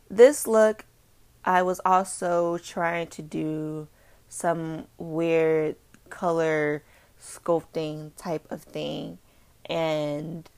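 A woman's voice: on the low side, creaky. A woman hosting a makeup podcast in a chatty, rambling way, with playful asides. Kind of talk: casual chat.

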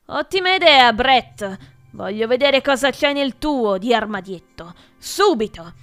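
Woman doing a yelling strict male teacher. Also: sits high, animated, moderate pace, smooth, faint music behind, heavily acted. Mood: angry shouting. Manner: yells and scolds. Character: stern shouting male schoolteacher.

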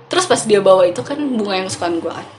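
A young woman with a Jakarta accent tells stories casually, in animated, slangy South Jakarta gossip style. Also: medium pitch, fast, faint music behind. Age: young adult.

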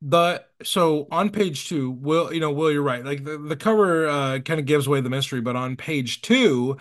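Male podcast host, a touch higher voice, leads with questions, chatty. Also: normal speed. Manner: leads the talk with questions to his guests, animated. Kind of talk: casual podcast discussion.

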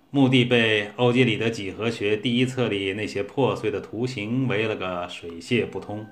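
A man narrating a humorous short story in a steady, measured reading. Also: lowish voice.

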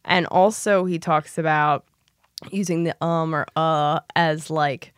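A woman's voice: sits low, fairly even intonation, takes it slowly, clean tone, no room sound, studio quality. A woman co-hosting a podcast, explaining things in an informal, slightly rambling chat. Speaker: podcast co-host. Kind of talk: casual explanatory chat, some reading aloud.

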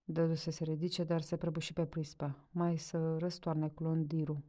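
A woman reading a story aloud in a measured, expressive way. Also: sits low.

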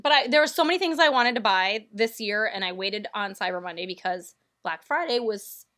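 A woman co-hosting a casual podcast chat, animated and opinionated, laughing often. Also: medium pitch, brisk. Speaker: podcast co-host.

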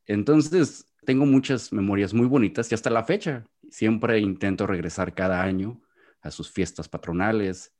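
This Guadalajara native has a Jalisco Mexican accent, a fairly low pitch, and a darkish tone at normal speed. Appearing as a guest on a casual podcast interview recorded by video call, he speaks at length and frequently restarts what he's saying.

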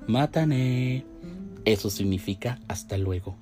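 A man voicing a kind, playful young Japanese nurse in a storybook reading, speaking gently and teasing now and then. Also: on the low side, takes it slowly. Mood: friendly. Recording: faint music behind.

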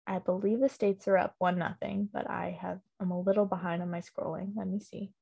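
A woman's voice: lowish voice, steady tone, a little fast, vocal fry, mellow, husky. A woman hosting a casual podcast chat about hockey news, talking chattily with lots of fillers and laughs. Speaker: podcast host.

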